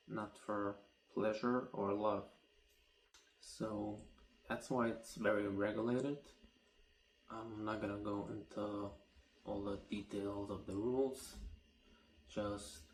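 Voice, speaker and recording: A young man talks through his community's customs slowly and flatly, in a low voice. He stays matter-of-fact and halting, with long gaps between phrases. The room is echoey and there is clear background ambience. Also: slight background noise. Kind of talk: casual explainer monologue.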